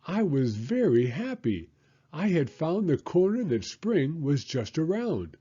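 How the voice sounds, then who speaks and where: A man's voice: fairly high pitch, sing-song, a little slow, warm tone, slightly rough, highs cut off, pitched above the performer's own voice, exaggerated voice. A man voicing a cheerful, kindly frog telling his friend a childhood memory in an earnest, lilting way. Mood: happy.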